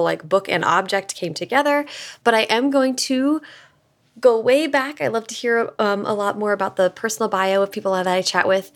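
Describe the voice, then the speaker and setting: A woman's voice: medium pitch, fairly bright tone, no echo. A young woman hosting a podcast, reading sponsor notes and chatting with a guest in a bubbly, enthusiastic way. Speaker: podcast host. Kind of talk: podcast host read and interview.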